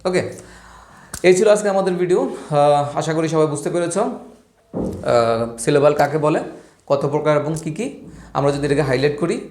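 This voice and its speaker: Guy teaching english grammar, jokey and playful, voice a bit high, lots of room echo. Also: normal speed, long pauses, darkish tone. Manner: playful, explains with family jokes. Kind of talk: classroom lesson on a board. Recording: echoey room.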